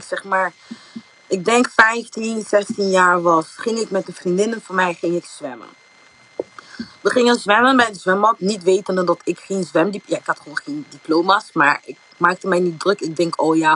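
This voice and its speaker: A young woman from the Netherlands tells a personal faith testimony in a loose, conversational way. Her voice is a little husky, with a middling pitch. She rambles, circles back and keeps dropping in small fillers as she goes. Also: a bit bright. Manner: informal, many fillers like "zeg maar", retells thoughts as quotes. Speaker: giving a testimony. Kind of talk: casual spoken testimony.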